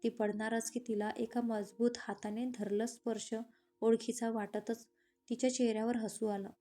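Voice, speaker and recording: A woman narrating a romantic story in a steady, even reading style. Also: on the high side, moderate pace. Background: faint instrumental music.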